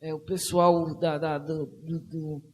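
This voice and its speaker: A woman's voice: sits low, flat delivery, takes it slowly, a little mellow. A woman moderating a conversation circle, talking casually with frequent hesitations and restarts. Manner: hesitant, many restarts and fillers. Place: auditorium of a cultural center.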